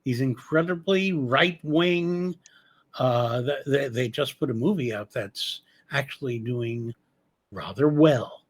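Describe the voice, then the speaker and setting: A man hosting a radio interview, talking in a halting way with frequent pauses and restarts. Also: medium pitch. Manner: halting, with many fillers and restarts. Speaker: radio show host.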